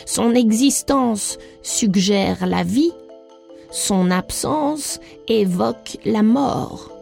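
A woman's voice: mid-range voice, creaky, a little mellow, faint music behind, exaggerated voice. Woman doing an old solemn priestess. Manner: slow, solemn riddling speech. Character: old wise female priestess, calm and mysterious.

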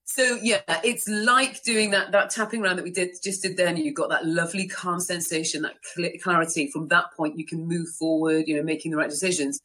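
A woman's voice: on the low side, steady tone, brisk, hardly any pauses, pushed and bright, slightly rough. A woman coaching a guided tapping exercise and chatting, soothing and encouraging, laughing often. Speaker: tapping and brain-training coach. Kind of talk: guided tapping and casual chat.

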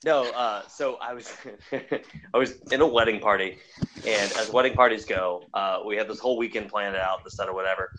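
A man's voice: fairly low pitch, steady tone, normal speed. A man telling a loose, laughing anecdote in casual podcast chat. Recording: faint background noise.

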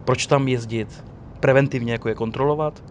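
A Czech man telling lively stories in a casual chat, quoting the people he met. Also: medium pitch, a little hiss or hum. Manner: animated storyteller, quotes others. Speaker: guest telling of police ride-alongs.

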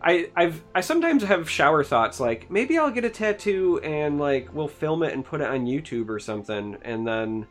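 A man's voice: fairly high pitch, big pitch swings, moderate pace, hardly any pauses. A man from Michigan co-hosting a casual chat, wry and self-deprecating in his jokes. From Michigan, United States. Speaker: co-host.

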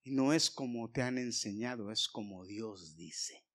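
A male pastor preaching a sermon, swinging from loud emphasis to hushed whispers and speaking straight to the congregation. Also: fairly low pitch, unhurried. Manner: addresses the congregation directly, asking for amens.

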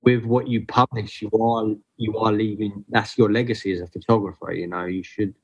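A man's voice: on the low side, fairly even intonation, breathy edge, highs cut off. A man, a guest photographer talking earnestly and unhurriedly in a casual podcast chat. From Southeast London. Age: 30s. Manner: earnest, unhurried, restarts phrases.

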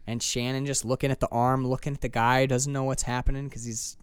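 A man's voice: medium pitch, little pitch movement, fairly quick, smooth, no echo. A man co-hosting a casual film podcast, talking animatedly and swearing as he acts out scenes. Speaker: podcast co-host.

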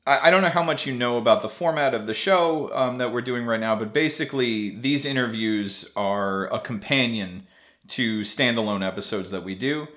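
This man's mid-range, slightly bright voice moves at a moderate pace as he hosts a relaxed podcast interview. He rambles his way through questions, restarting often, filling gaps with fillers and laughing readily.

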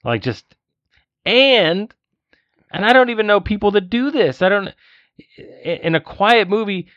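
A man's voice: high voice, expressive, measured pace, fairly bright tone, no room sound. A man co-hosting a podcast, telling a story in casual chat and ranting as he goes. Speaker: podcast co-host. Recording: dull lo-fi sound, dry.

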